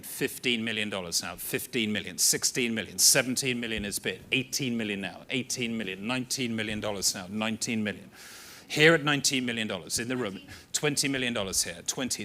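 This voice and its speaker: Bright-voiced male auctioneer calling bids. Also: fairly low pitch. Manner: brisk, rhythmic calling of bids. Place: auction room in a hotel.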